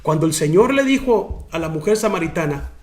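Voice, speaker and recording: High-voiced pastor. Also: male voice, fairly quick. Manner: animated, addressing listeners as brother. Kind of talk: sermon teaching.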